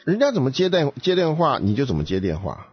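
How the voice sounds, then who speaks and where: Man, talk co-host: emphatic, instructive, husky, very lively intonation. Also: medium pitch, fast talker, lo-fi sound. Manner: emphatic, instructive, rhetorical questions. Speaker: co-host giving advice.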